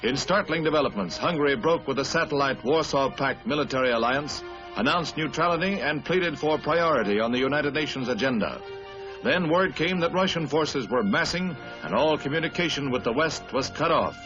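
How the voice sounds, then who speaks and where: An American man with a fairly high, expressive voice reads scripted 1950s newsreel narration at a brisk clip, emphatic and grandiose. The dull vintage soundtrack carries orchestral newsreel music behind him.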